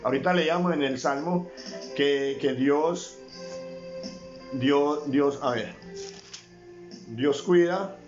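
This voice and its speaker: A man's voice: a little high, slow, long pauses, highs cut off, soft background music. A man from Colombia with a Colombian accent, a pastor giving a fervent sermon over a live stream, repeating words for emphasis and calling listeners brother. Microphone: livestream.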